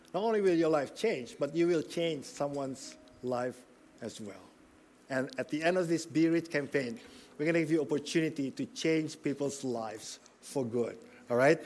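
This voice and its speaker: A man preaching with a slightly raised pitch. He is earnest and emphatic. He keeps checking in with his listeners as he builds each point. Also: darkish tone. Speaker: pastor. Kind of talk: sermon.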